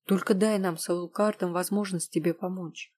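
Woman voicing a soft earnest heroine, husky low voice, storybook. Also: steady tone, normal speed. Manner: pleading, earnest. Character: gentle pleading young woman, soft and earnest.

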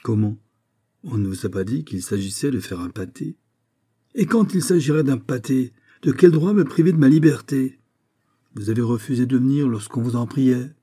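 A man voicing a proud, hot-tempered, impoverished old nobleman who speaks gruffly and indignantly. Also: on the low side, animated, moderate pace, warm tone. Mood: indignant, angry.

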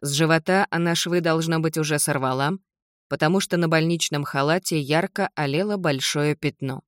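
A woman narrating an audiobook in the first person, in an even, measured storytelling voice. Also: sits low, no echo, studio quality.

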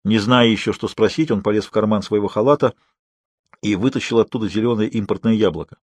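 Husky male audiobook reader, measured, dry close sound. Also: on the low side, no room sound. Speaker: audiobook narrator. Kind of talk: scripted literary narration.

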